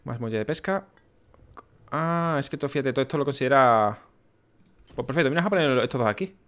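With a medium pitch, lively intonation and a slightly bright tone, a let's play host from Spain talks quickly through his gameplay. He's casual and chatty, muttering away to himself and the game's characters.

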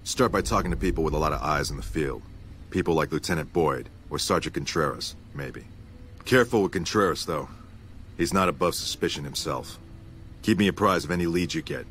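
A low-pitched male army captain speaks in measured, matter-of-fact game dialogue. He is businesslike and determined, with faint noise behind him. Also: fairly bright tone. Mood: grimly determined. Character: gruff, businesslike military captain hunting a mole.

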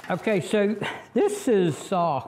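A middle-aged Southern man drawls through a tractor how-to in an easygoing, unhurried way. His voice sits a little high for a man, and he wanders and restarts with plenty of "um"s and "you know"s. He is heard outdoors under a shelter, a few steps from the camera. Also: huge pitch swings, noisy background. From Virginia, US. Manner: rambling, folksy, many fillers and restarts. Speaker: tractor vlogger. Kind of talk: casual how-to vlog.

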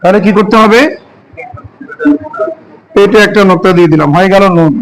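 A man's voice: high-pitched, fairly quick, rough recording. A man teaching Quran reading in a classroom lesson, asking questions and answering them himself, drawing out words as he recites. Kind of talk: classroom lesson on Arabic letters.

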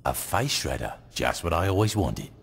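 A man playing a ruthless, sarcastic gang boss in a video game, speaking deadpan as if let down by a gift. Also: very deep voice, moderate pace, creaky, heavy background noise, full character voice. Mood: deadpan, unimpressed. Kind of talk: video game cutscene acting.

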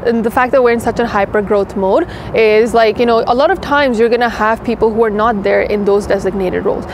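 Young woman chatting in an interview outside, says "like" a lot, faint city traffic behind. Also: fairly high pitch. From Pakistan, raised in Toronto. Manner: quick, chatty, many "like" fillers. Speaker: engineering director, interview guest. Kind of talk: casual interview answers. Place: outdoor garden courtyard in a city.

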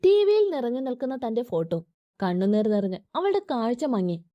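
A woman narrating a story in an expressive storytelling manner. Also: on the high side, normal speed, no room sound. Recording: dry, slightly dull audio.

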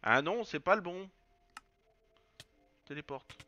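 Chatty gamer, bright lively voice. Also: male voice, high-pitched, slow pace, dull audio. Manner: chatty, swears, muses aloud while playing. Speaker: let's play gamer. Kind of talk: casual game commentary.

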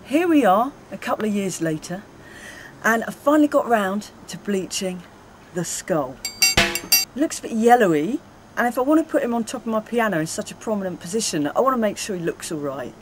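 A woman's voice: mid-range voice, lively intonation, brisk, a little hiss or hum, low-quality recording. Woman, thirties, casual vlog, outdoors, camera mic, squeamish, self-amused. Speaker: vlogger. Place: back garden outdoors.

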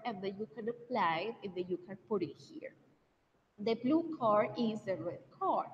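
A woman with a Colombian Spanish accent teaches English grammar, moving between Spanish and English and slowing down for example sentences. Her voice sits a little high. She is picked up from a distance, with a long room reverb, a dull sound and a faint hiss behind her. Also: a little mellow. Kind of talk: bilingual video class lecture.

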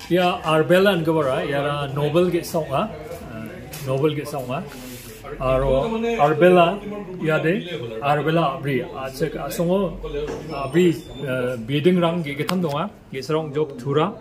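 Middle aged author guy answering questions, soft and hesitant, crowd chatter behind. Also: a little high, unhurried. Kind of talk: interview answers. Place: event hall, indoors.

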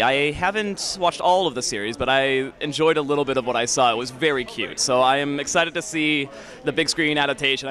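A man's voice: medium pitch, pushed and bright. A young man who is a voice actor, giving an upbeat, emphatic red carpet interview into a handheld mic. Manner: upbeat, emphatic, talks straight to camera. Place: event press backdrop. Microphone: handheld mic held close.

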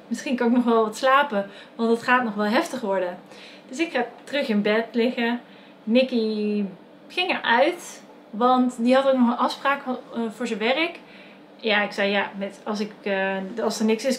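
Young dutch woman rambling through a story, bit high voice, soft hiss behind. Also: normal speed. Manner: chatty, many fillers and self-corrections, laughs often. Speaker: vlogger telling her birth story. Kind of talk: casual storytelling to camera.

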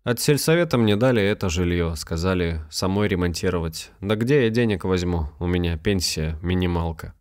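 A man's voice: sits low, lively intonation, moderate pace, hardly any pauses, darkish tone. A man doing a weary old village grandmother.

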